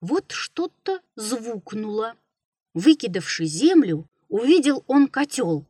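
A woman narrating a classic folk tale in an expressive, dramatic reading. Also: a little high, slow, slightly rough, no echo, clean studio sound. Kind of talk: scripted storybook narration.

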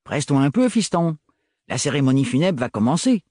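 Man voicing a gruff slangy valet, grumbling, raised pitch, loud and dry, audiobook character. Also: very animated, a little fast, no echo.

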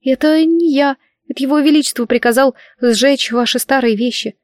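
Woman voicing a young maid, gossipy, prim, chirpy, storybook, pitched up, dry. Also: moderate pace, darkish tone, dry recording, natural voice. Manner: chirpy, scandalized.

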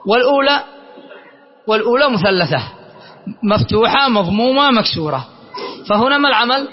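Man, grammar teacher, classroom lesson, very high pitch, asks students questions, repeats forms, muffled lo-fi sound. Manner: repeats word forms slowly to drill. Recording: muffled lo-fi lecture recording.

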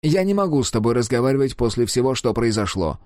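A man's voice: medium pitch, big pitch swings, fast, darkish tone, dry recording, studio quality, lightly acted. A man voicing a proud, hot-tempered young male SS officer who talks in a mocking, scornful way. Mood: agitated.

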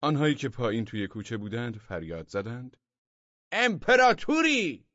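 A man reads a comic story aloud with a lively, swinging pitch. The recording is dry and close but slightly dull and lo-fi, with faint music underneath. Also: dry recording. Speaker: narrator. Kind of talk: audiobook reading of a comic story.

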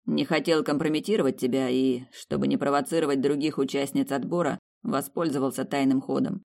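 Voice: mid-range voice, creaky, close to an everyday voice. A reader doing a smug, teasing young prince. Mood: calm. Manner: calm, unhurried, mocking. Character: teasing, self-assured young male prince. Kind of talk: audiobook character reading.

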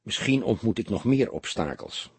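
A man voicing a calm, patient middle-aged male police detective in an audiobook, speaking briefly. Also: on the low side, moderate pace, breathy edge, dry recording, heavily acted.

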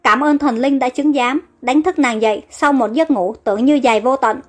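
A woman's voice: high-pitched, normal speed, faint music behind. A woman voicing a devoted young male pharaoh in an audio story, speaking in an urgent, commanding way.

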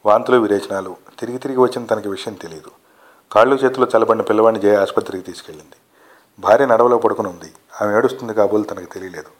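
A man reading a short story aloud as narrator, in a steady, earnest way. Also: fairly low pitch, quick pace. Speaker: story reader.

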